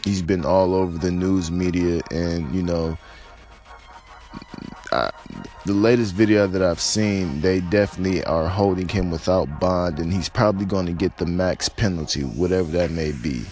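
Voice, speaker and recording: A deep-voiced, slightly raspy American man delivers a casual, unscripted monologue on news and life as a podcaster or vlogger giving personal commentary. Laid-back and hesitant, he rambles at normal speed in a darkish tone, sprinkling in "you know" and "man." Faint music plays behind him.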